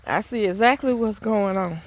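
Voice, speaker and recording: A woman stands outside in a rural yard or garden and talks to her camera, earnest and exasperated, preaching somewhat and frequently restarting her thoughts. Her voice is mid-range at a normal speed, and a little hiss or hum is present in the recording.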